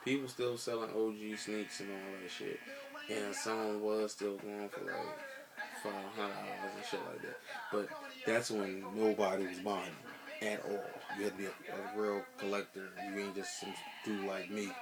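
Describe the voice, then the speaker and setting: A man's voice: on the low side, little pitch movement, moderate pace, creaky, a crowd in the background. An American man in a casual rant to camera, blunt and emphatic, swearing heavily and repeating himself for emphasis. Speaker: sneaker vlogger.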